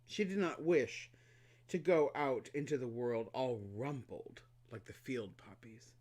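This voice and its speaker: A man reading a children's storybook aloud, expressive and animated, with playful asides. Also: medium pitch, a little slow. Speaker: reader.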